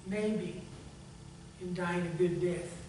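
A male pastor preaches, moving between relaxed storytelling and earnest appeals that drop to a hush. He sounds distant from the mic, his voice ringing around a very echoey church hall over a faint hum. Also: sits high, takes it slowly. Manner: conversational storytelling, earnest appeal, fading to hushed prayer. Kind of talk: sermon. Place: church sanctuary.

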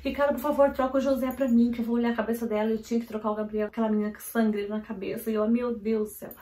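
A woman from Brazil, vlogging at home and telling a family story in a hurried, animated way, full of "então, assim" fillers. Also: a little high. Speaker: vlogger and mother. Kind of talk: casual storytelling to camera. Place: at home, indoors. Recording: roomy echo of a home room.

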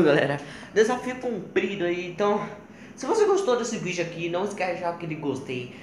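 A teenage boy with a Brazilian accent chats casually and slangily to the camera as he hosts a challenge video, often repeating himself. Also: high-pitched. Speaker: video blogger hosting a challenge. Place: small tiled home kitchen, indoors. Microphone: phone camera at about arm's length. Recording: echoey tiled kitchen, clearly noisy phone audio.

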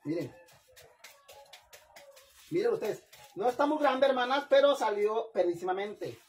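A man's voice: high voice, lively intonation, a little slow, a little hiss or hum. A man with a Mexican accent chatting casually while he cooks on camera, playful and campy, and he laughs often. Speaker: vlogger cooking on camera. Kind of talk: casual live cooking chat.

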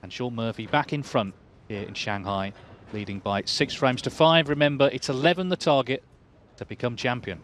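A man giving measured snooker commentary as a match commentator. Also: medium pitch, a little hiss or hum.

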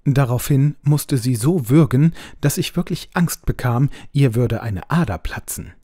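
Guy reading a spooky story, warm low tone, dry close sound. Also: breathy edge, dry recording. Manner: measured, expressive reading. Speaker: audiobook narrator. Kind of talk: scripted story narration.

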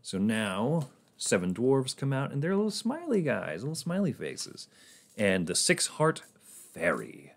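A man's voice: mid-range voice, huge pitch swings, measured pace, gravelly. A man casually talking through his moves in a board game on a livestream, rambling and laughing often.

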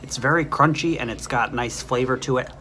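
This thirty-something vlogger gives casual walkthrough commentary outside an empty restaurant, then moves into a diner to review the food, chatting easily with lots of ums. His voice is mid-range and fairly quick, recorded on a phone camera at arm's length with background noise.

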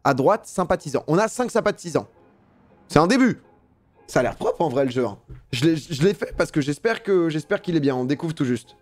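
Brief: man, slightly higher voice, casual slangy stream commentator, faint music underneath. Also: animated, brisk. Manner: casual, slangy, swears freely; reads game text aloud, then comments. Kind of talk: live gameplay commentary.

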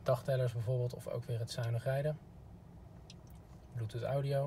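Speaking at normal speed in a steady, mellow mid-range voice, a man acts as a car product expert giving an informal, polite instructional demo. It's recorded inside a parked car with a clean background.

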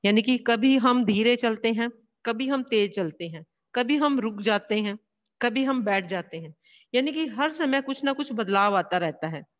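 A woman teacher giving a classroom lesson, explaining slowly and answering her own questions. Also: on the high side, lively intonation, big-room sound. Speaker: school teacher.

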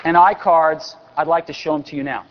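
A man's voice: a little high, fairly even intonation, brisk, some chatter behind. A man in his forties giving an enthusiastic product keynote on a large convention stage, with dry sarcastic asides. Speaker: company executive presenting on stage. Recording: dull lo-fi recording with long hall reverb.

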